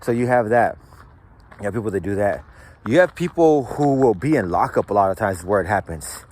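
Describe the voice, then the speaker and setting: A man's voice: lowish voice, lively intonation, brisk, darkish tone. A man hosting a show, speaking in a casual storytelling way that is slangy and profane, with lots of "like" and "right?". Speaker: host.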